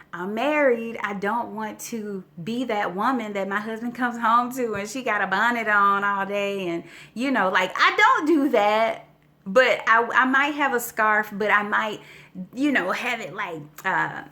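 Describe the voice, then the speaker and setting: A woman's voice: medium pitch, bright, forceful tone. A woman in her forties chatting casually to her viewers in a storytelling vlog, slightly winded and often checking in with "okay?" and "you know". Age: 40s. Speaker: vlogger.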